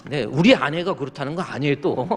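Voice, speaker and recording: Speaking fast in a slightly high voice, a man with a Korean accent preaches as pastor in a church sanctuary. His folksy storytelling includes acted-out moments of his church members. A long reverb from the large hall trails his words.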